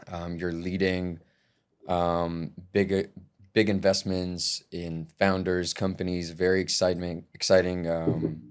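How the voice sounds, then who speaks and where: This young musician hosts a podcast in a smooth, low, slow voice. His talk is relaxed and loose, heavy on fillers, and warm toward the guest, whom he praises in a friendly way.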